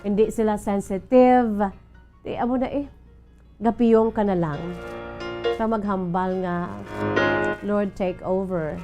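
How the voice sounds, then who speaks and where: Woman radio host, unhurried and reflective, over faint background music. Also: medium pitch, fairly even intonation. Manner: slow, gentle, mixing Hiligaynon and English, asks listeners "no?". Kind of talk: reflective radio talk with sung snippets. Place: radio studio.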